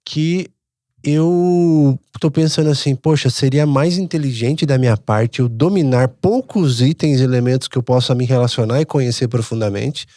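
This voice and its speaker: A man's voice: mid-range voice, moderate pace, no echo, clean studio sound. A Brazilian man co-hosting a podcast, reflecting aloud on what he has learned in a casual way. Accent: Brazilian Portuguese. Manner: reflective, thinks out loud. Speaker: podcast co-host. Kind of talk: casual chat.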